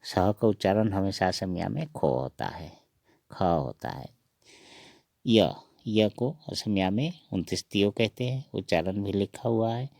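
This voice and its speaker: Male teacher, very deep gravelly voice, dry close sound, patient step-by-step drilling. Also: animated, darkish tone, dry recording. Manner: slow, repeats each sound several times. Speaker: language teacher. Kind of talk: recorded alphabet lesson.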